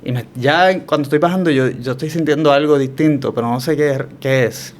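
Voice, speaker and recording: A man with a Puerto Rican Spanish accent, telling his story as a guest in a relaxed, reflective way with frequent restarts. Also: on the high side, a little fast, a little hiss or hum. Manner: reflective, hesitant with many restarts. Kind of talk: conversational testimony.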